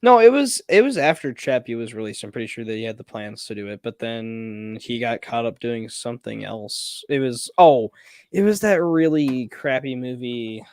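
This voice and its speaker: Brief: a man rambling through casual movie talk, lively pitch, dry close recording. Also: normal speed, no room sound. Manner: rambling with restarts. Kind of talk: casual film chat.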